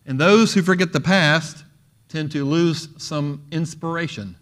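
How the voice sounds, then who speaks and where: A man's voice: on the high side, a bit bright. A middle-aged man preaching a sermon, telling jokes and stories and raising his voice for the quoted lines.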